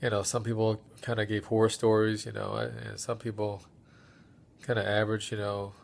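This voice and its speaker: A man with a stuffy, congested nose giving a halting, low-key recovery update in a casual vlog style. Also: level tone, gravelly. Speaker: patient recording recovery diary.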